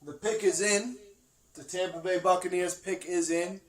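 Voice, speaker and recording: A man's voice: sits high, fairly even intonation, moderate pace. A man co-hosting a casual draft-watching chat over a video call, teasing and laughing a lot. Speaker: co-host.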